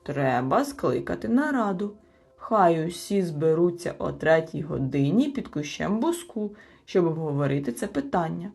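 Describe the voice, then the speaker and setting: A woman's voice: deep voice, expressive, moderate pace, gravelly, darkish tone, slightly rough, soft background music, exaggerated voice. A woman doing a pompous little creature judge. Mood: officious. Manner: pompous, clipped and officious. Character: stern self-important male storybook creature acting as judge.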